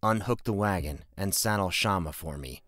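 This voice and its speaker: A man's voice: sits low, moderate pace, a bit bright, no echo, studio quality. A man voicing a determined man who speaks tersely with held-back anger. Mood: firm.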